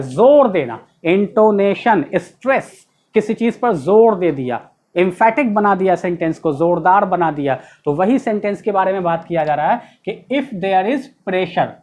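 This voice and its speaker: Man teaching grammar, stressing key words. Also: sits high. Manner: explains step by step, asks rhetorical questions, stresses key words. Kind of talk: classroom grammar lesson in Hindi.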